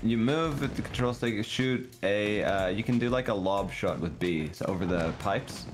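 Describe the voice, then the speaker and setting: A man in casual gaming chat, explaining the game playfully and a bit haltingly. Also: lowish voice. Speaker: streamer explaining a party game. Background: game music.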